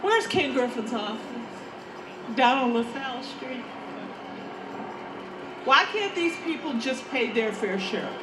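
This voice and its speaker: A woman's voice: high voice, sing-song, takes it slowly, long pauses. A woman speaking at a rally in an emphatic, preaching manner built on rhetorical phrasing. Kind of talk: protest oratory. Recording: echoey, noisy rally PA.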